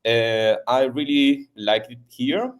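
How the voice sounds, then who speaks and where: A native Spanish speaker from Argentina, this man has an Argentine Spanish accent and a medium-pitched voice. Appearing as a podcast guest in a casual interview chat, he speaks haltingly, with lots of fillers and repetitions.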